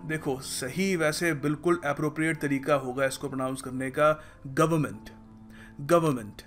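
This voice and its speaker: Casting: man, slightly high voice, unhurried playful teacher, faint music under him. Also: steady tone, fairly bright tone. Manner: playful, acts out common mistakes, says words slowly to demonstrate. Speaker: pronunciation teacher. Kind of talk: casual spoken lesson with a joking tone.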